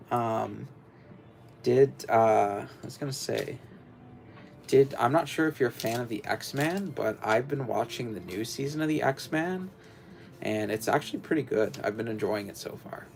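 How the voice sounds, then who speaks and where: In a rough recording with slight background noise, a young man hosts a casual livestream while building. He talks at a measured pace in a deep, gravelly, slightly mellow voice, and his speech is rambling and hesitant, full of fillers and restarts.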